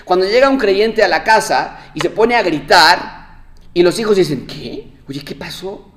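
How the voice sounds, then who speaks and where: A middle-aged man preaching as a pastor, shifting between loud emphatic points and soft, quiet reflection. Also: sits high, normal speed. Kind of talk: sermon.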